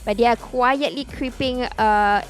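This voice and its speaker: A woman's voice: fairly high pitch, unhurried, faint music behind. Agreeable woman esports co-caster. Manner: agreeable, hedging, frequent fillers. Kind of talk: esports desk analysis.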